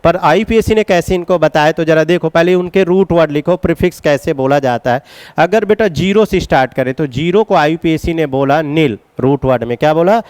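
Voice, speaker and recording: Hindi chemistry teacher, clear and dry. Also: male voice, a little high, darkish tone, no room sound. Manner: coaxing, calls students beta, asks and answers questions; chants mnemonics slowly in a singsong. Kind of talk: classroom lecture at a board.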